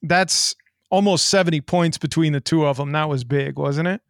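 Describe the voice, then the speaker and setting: A man hosting a fantasy sports podcast with lively banter and brash, boastful showman patter. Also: fairly high pitch, normal speed, gravelly, no echo, clean studio sound. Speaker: podcast host.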